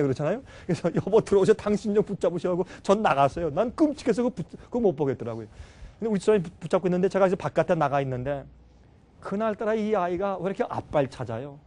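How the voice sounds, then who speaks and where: A middle-aged male pastor delivering a sermon. His voice sits high for a man, and he moves from loud bursts to hushed asides. He speaks directly to the congregation as he tells the story. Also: lively intonation, quick pace. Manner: swings between loud exclamations and quiet, low asides; emotional storytelling, addresses listeners directly. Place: church seminar hall.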